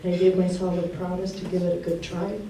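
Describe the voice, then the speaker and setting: A woman from Russia giving a heartfelt, halting memorial tribute speech. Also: lowish voice, completely flat delivery, mellow. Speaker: eulogy speaker. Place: memorial gathering hall. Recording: roomy hall from far off, faint noise.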